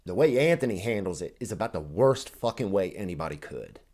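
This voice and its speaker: A man delivers an angry, profanity-laced reaction rant. His pitch swings widely as he argues back at a clip. He sounds like he is hosting his own commentary channel. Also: animated, a little fast, dark tone. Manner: heated, profane, ranting. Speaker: reaction video host.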